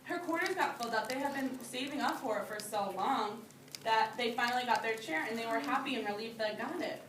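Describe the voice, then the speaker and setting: Her voice is on the high side, fairly bright, and a little fast. This preschool or early grade teacher reads a storybook to young children indoors, discussing it patiently and simply while repeating what they answer. The recording is a roomy, noisy phone video taken from a distance by a phone or camera.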